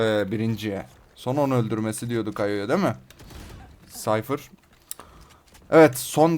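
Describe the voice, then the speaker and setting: A gaming channel host with a medium-pitched voice gives excited live commentary on his own gameplay, trading rough banter with his viewers.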